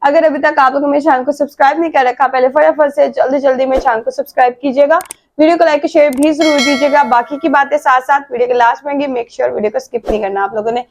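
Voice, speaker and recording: Chatty woman, high voice, reaction vlog. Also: steady tone, fast, slight background noise. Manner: chatty, mixes English phrases, frequent fillers. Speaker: reaction video host. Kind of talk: casual reaction commentary.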